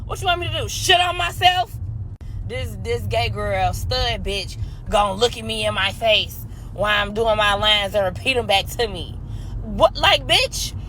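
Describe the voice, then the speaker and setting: A woman's voice: mid-range voice, expressive, normal speed, bright, forceful tone, slight background noise, rough recording. A woman delivering an angry, profane comedic rant in an exasperated tone.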